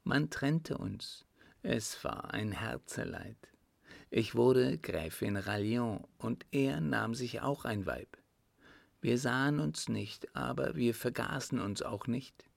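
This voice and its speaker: A man reading an audiobook, voicing a rich, resolute widowed countess in a raised, softly confiding voice. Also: mid-range voice, expressive, takes it slowly, vocal fry, dry recording, heavily acted. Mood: wistful.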